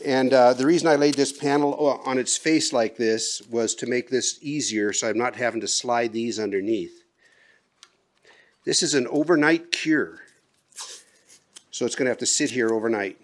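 A middle-aged DIY vlogger gives casual, folksy how-to narration in plain-spoken terms while doing a job. His mid-range voice moves at a moderate pace, recorded on the camera mic in an open garage and outdoors.

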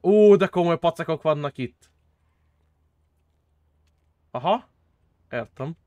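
A young man streaming a role-play game, chatting casually and excitably with friends, swearing often and jumping into high squeals. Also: dry recording, muffled recording. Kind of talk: casual gaming chat with friends.

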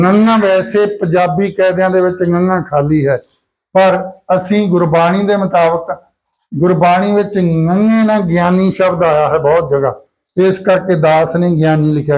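ਉੱਚੀ ਆਵਾਜ਼ ਵਾਲਾ ਪੁਰਸ਼ ਅਧਿਆਪਕ. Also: male voice, sits high, a little mellow, rough recording. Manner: patient, repeats letters and prompts pupils to answer. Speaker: Punjabi alphabet teacher. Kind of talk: classroom lesson with call-and-response.

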